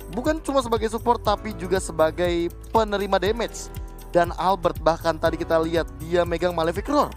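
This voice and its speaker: A man gives conversational esports analysis from the commentary desk. His voice sits high for a man, and music is clearly audible behind him.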